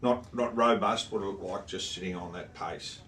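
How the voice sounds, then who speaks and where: Deeper guy on a racing show, casual chat, bit far from mic, faint room noise. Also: normal speed, fairly bright tone. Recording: distant mic with background ambient noise.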